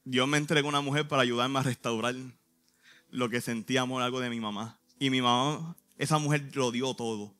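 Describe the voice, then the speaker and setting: A man's voice: mid-range voice, fairly even intonation, brisk, a bit bright, clear, resonant tone, soft background music. A man, a youth pastor giving an earnest, emotional church testimony in short phrases. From Puerto Rico.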